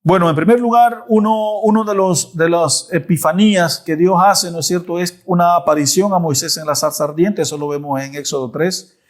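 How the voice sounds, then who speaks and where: A man preaching a Bible study, telling the story with lively asides. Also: sits high, moderate pace. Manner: animated storytelling with repeated asides.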